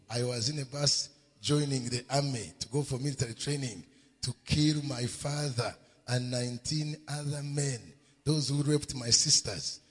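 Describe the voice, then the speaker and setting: A middle-aged man preaching a sermon, emphatic and repetitive, with sudden shouts. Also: mid-range voice, breathy edge. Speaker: pastor. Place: church. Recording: long hall reverb in a church.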